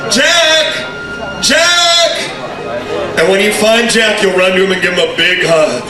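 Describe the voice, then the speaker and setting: High-pitched man, stage hypnotist in echoey hall. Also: fairly quick. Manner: hypnotist's commanding patter with repeated phrases. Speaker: stage hypnotist, show host. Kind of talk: stage hypnotism show, addressing audience and volunteers. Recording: echoey hall PA from far off, music and crowd. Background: music and crowd noise.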